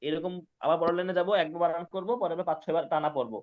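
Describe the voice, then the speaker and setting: A man teaching Quran reading in an online class, patiently spelling out syllables slowly and repeating each word. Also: a little high, steady tone, phone-quality sound. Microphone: online class call mic.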